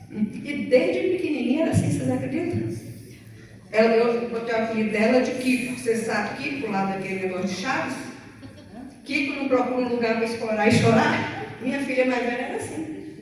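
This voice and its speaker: A woman's voice: fairly high pitch, moderate pace, long pauses. A middle-aged Brazilian woman preaching to teenagers in a church, chatty and playful, acting out little stories. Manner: playful, chatty, acts out quotes. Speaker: youth service speaker. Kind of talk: sermon to teenagers. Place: church hall. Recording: echoey hall from far off.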